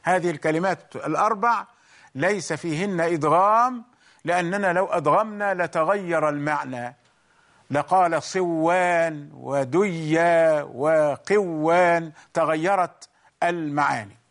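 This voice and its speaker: A man teaching a Quran recitation lesson, explaining each rule slowly and repeating it in English and Arabic. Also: fairly high pitch, a bit bright. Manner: slow, explains each point twice, once in English and once in Arabic. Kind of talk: bilingual tajweed lesson.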